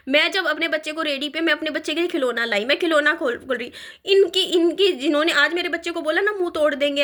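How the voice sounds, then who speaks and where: A woman's voice: sits high, pushed and bright. A young woman ranting in a vlog, upset and stumbling, restarting her sentences as she vents. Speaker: vlogger. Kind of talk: emotional vlog rant.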